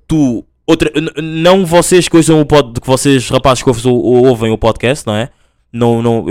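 A man's voice: medium pitch, darkish tone, smooth, no echo. Young man, slangy podcast chat. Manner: rambling, slangy, with many fillers and restarts. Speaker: podcast host. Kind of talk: casual solo podcast chat.

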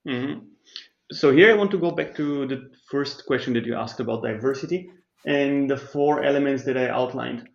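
Answering interview questions, the Bulgarian startup head speaks at medium pitch in a creaky voice, measured and explanatory, often restarting and stopping to think. The audio quality is dull.

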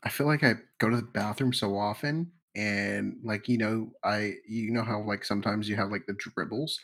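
Husky-voiced laid-back podcast guy. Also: lowish voice, steady tone, normal speed, fairly bright tone. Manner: laid-back, crude and joking. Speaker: podcast co-host. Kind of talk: casual chat.

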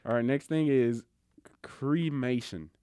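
A man's voice: medium pitch, slow pace, warm tone, smooth, no room sound, clean studio sound. A young man with a Mississippi accent chatting casually in a slangy, emphatic storytelling way. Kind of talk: casual, animated banter.

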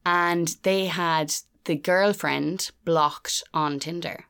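A woman's voice: lowish voice, fairly even intonation, slow, fairly bright tone, clean tone. A young woman with a Cork accent co-hosting a podcast, chatting casually in a blunt, teasing way and swearing freely. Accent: Irish, Cork. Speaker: podcast co-host. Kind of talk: casual chat.

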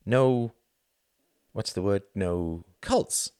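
A man reading an audiobook and voicing a reserved young Englishman in a calm, understated way. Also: fairly low pitch, extremely slow, clean tone, no echo, clean studio sound. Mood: wry.

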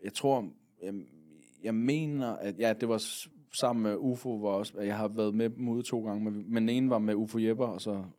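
A man's voice: on the low side, fairly even intonation, warm tone. A man from Funen telling a long story as a podcast guest, rambling along with lots of fillers and casual swearing. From Funen, Denmark.

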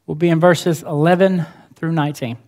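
A man's voice: fairly high pitch, steady tone, fairly quick, mellow. A male pastor preaching a sermon in a church, earnest and emphatic, repeating his key phrases.

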